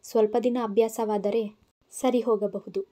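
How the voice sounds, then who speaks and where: A woman's voice: medium pitch, fairly even intonation, measured pace, warm tone, natural voice. A woman voicing a weary young working wife. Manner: weary, pleading.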